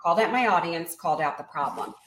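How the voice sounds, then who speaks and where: A woman business coach being interviewed, explaining her method in an energetic, emphatic teaching tone. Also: on the low side, quick pace, echoey room, a little hiss or hum.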